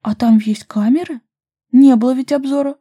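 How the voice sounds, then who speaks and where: A woman's voice: sits high, steady tone, moderate pace, dark tone, pitched above the performer's own voice. A woman voicing a stubborn young woman who protests indignantly.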